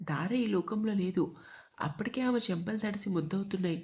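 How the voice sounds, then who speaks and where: A woman narrating a love story in a calm, even storytelling manner. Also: mid-range voice, a little fast.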